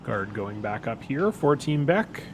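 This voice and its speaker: A man giving relaxed, analytical live commentary on a curling match. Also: mid-range voice, a little slow, slight background noise. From Canada. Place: broadcast booth at a curling club.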